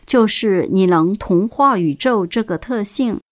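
A woman reading a first-person reflection aloud as scripted narration, measured and deliberate. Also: mid-range voice, expressive. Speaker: reader.

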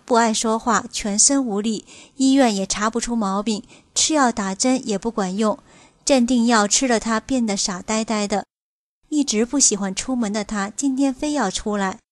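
An older woman reading a first-person account aloud at a steady, even pace. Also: a little high, dry recording. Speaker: narrator.

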